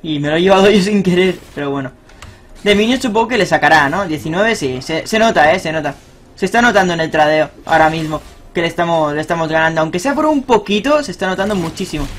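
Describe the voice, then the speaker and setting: A young man giving live, excitable commentary on his own ranked game, swearing and cheering at big plays. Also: sits high, fast talker, slight background noise. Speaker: gaming streamer.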